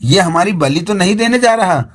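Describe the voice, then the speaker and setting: A man's voice: sits high, animated, normal speed, pitched above the performer's own voice. A man voicing a timid, flustered male servant who hurries to praise his master.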